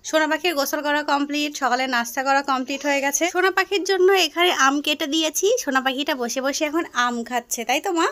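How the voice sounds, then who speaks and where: High-voiced chatty mother vlogging at home. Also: fast, hardly any pauses, a bit bright. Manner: chatty, affectionate toward her daughter, narrating chores and cooking step by step. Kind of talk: casual home vlog narration. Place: home kitchen.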